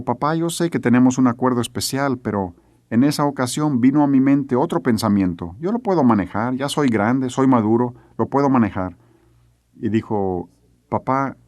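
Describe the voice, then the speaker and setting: A man's voice: medium pitch, a little mellow, dry recording, clean studio sound. Earnest man preaching a teaching sermon. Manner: earnest storytelling, acting out quoted voices.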